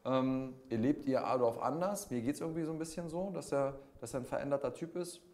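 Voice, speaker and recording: Wordy male sports interviewer, mid-pitched voice. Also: fairly quick, a little mellow. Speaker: combat sports show host, interviewer. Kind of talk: conversational live-stream interview.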